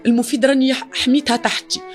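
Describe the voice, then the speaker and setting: A woman's voice: high voice, fairly even intonation, rapid-fire. A woman with a Tunisian accent, speaking as a mother in an emotional interview, distraught and pleading. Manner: distraught, pleading, grief-stricken. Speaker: mother of the victim.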